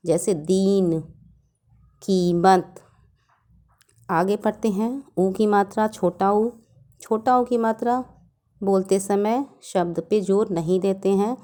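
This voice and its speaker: A woman teacher walks young pupils through a school lesson, explaining each point slowly and clearly. She poses questions to the class and then answers them herself, in a patient, explanatory classroom manner. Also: mid-range voice, a little mellow. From North India. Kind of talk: recorded Hindi grammar lesson.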